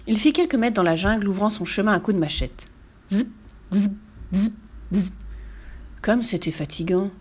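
A woman's voice: mid-range voice, fast talker, few pauses, slightly rough. Woman reading a children's story. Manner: lively, expressive, sound-effect words.

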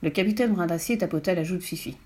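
A woman narrating a children's storybook in a clear, expressive reading voice. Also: on the low side, quick pace. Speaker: audiobook reader.

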